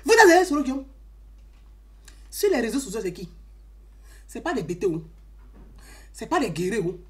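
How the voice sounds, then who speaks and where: A woman with an Ivorian French accent gives a fiery political monologue, scolding and emphatic, veering from loud outbursts to quiet asides. She is highly animated and speaks at a moderate pace.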